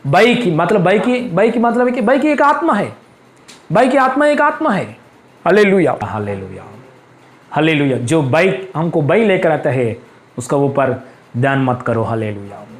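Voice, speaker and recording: A man's voice: on the high side, very animated, measured pace. A male pastor preaching a fervent sermon in a church, breaking in with hallelujah again and again. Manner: fervent, repeats hallelujah constantly.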